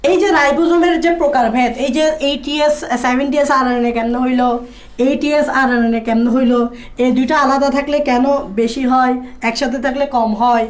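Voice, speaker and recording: Woman teacher, high voice, repetitive and questioning delivery, roomy echo. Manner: repeats phrases, asks students questions. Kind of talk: biology lesson. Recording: echoey room.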